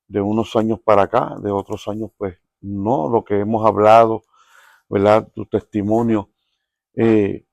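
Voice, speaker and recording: Gravelly-voiced podcast host, dry sound. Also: male voice, on the low side, a little mellow, dry recording. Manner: earnest, often adds tag questions. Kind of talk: interview podcast.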